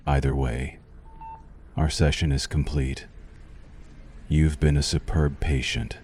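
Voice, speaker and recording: Slow, intimate and courtly, a man voicing a vampire doctor speaks as if in ASMR roleplay, his voice abyssally deep and dark. The soothing tone hides menace, and a suave, possessive hunger runs through each phrase. A little hiss or hum is present.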